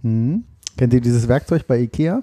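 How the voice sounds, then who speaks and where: A man's voice: medium pitch, moderate pace, dark tone, dry recording. A man hosting a podcast in casual chat, playfully reading out words and quizzing the others. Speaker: podcast host.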